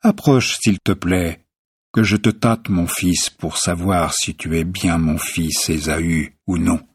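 A man voicing an elderly blind father giving a blessing, in a measured, solemn manner. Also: sits low, fairly even intonation, breathy edge, no echo, clean studio sound, exaggerated voice. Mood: questioning.

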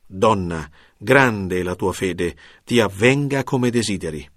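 A man reading the words of Jesus as a calm male teacher in a measured, solemn scripture reading. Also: on the low side, dry recording, studio quality.

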